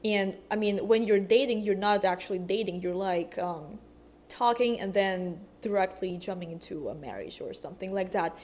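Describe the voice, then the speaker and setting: A woman's voice: medium pitch, moderate pace, darkish tone. A young woman from Russia, a vlogger chatting casually to camera, hesitant and full of ums.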